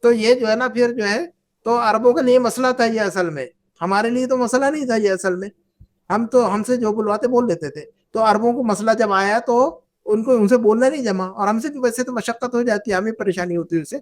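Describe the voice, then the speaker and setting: Her voice is on the high side with a darkish tone as this Urdu-speaking woman leads Arabic grammar. Patiently going over verb forms again and again, she poses questions to the students and encourages their responses.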